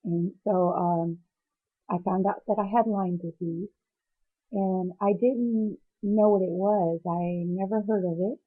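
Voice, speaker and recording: A woman's voice: mid-range voice, fairly even intonation, takes it slowly, narrow, tinny audio. A woman speaking hesitantly in a personal video diary, teary and emotional as if after crying, searching for her words. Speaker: patient vlogger.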